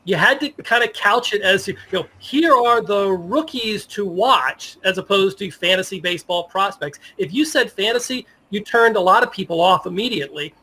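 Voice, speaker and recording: Speaking with few pauses at a moderate pace, this middle-aged American man has a high-pitched, pushed, bright voice with lively intonation. He's a sports journalist appearing as an interview guest, telling stories and reminiscing in a relaxed conversation.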